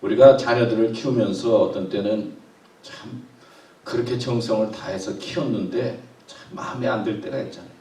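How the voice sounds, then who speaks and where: Animated pastor preaching in an echoey church. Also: male voice, on the low side, normal speed, far from the mic. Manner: animated storytelling, acting out God's delighted voice. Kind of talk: sermon. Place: church sanctuary.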